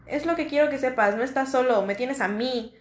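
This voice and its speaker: A woman's voice: high voice, brisk, roomy sound. A young woman with a Mexican accent hosting a podcast, talking casually in a slangy, reassuring, repetitive way. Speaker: podcast host. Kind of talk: casual motivational monologue.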